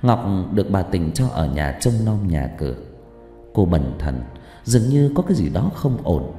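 A man narrating a horror story expressively, dropping low for tense moments. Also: moderate pace. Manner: expressive, sinking low for dread. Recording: heavy hall reverb with music.

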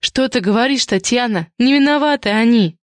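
A woman's voice: a little high, dry recording, clean studio sound, pitched above the performer's own voice, lightly acted. A woman reading an audiobook and voicing an anxious, stern older woman who manages others. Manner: slow, bewildered then stern.

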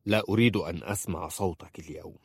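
A man's voice: sits low, fast, slightly rough. A man voicing a stern, harsh husband who speaks in cold, commanding tones in an audiobook.

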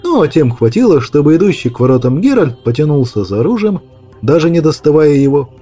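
A man narrating an audiobook with dramatic, lively storytelling. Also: on the high side, brisk, husky, faint music behind. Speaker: audiobook reader.

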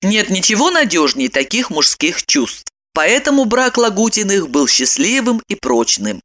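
A woman narrating an audiobook in an expressive, ironic storytelling manner. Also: mid-range voice, unhurried.

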